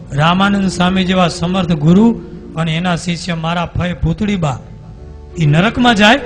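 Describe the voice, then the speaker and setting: Man, Gujarati accent, sermon storyteller, fairly high voice, faint music behind. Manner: animated storytelling, acting out dialogue. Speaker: swami preacher.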